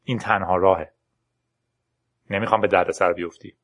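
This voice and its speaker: A man reading a storybook's lines for a tense young woman programmer who urges a friend to flee, in an urgent, hurried manner. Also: low voice, steady tone, slightly rough, voice pushed down. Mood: earnest.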